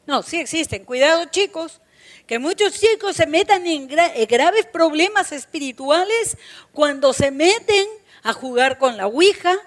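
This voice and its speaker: A woman's voice: high voice, expressive, measured pace. A woman pastor preaching a sermon, emphatic, repeating key phrases and speaking straight to her congregation. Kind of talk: Pentecostal-style sermon.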